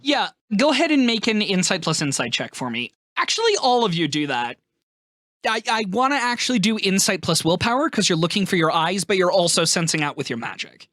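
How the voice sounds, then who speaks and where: A man's voice: high-pitched, very animated, fairly quick, a bit bright, dry recording, clean studio sound. A man narrating a tabletop game as game master, casual and laughing often.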